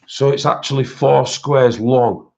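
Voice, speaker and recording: A man hosts a relaxed live-stream haul and keeps up a loose, rambling chat with his viewers. He speaks at an unhurried pace, with plenty of fillers and self-corrections. The recording sounds slightly dull and lo-fi. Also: medium pitch, vocal fry. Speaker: coloring book channel host.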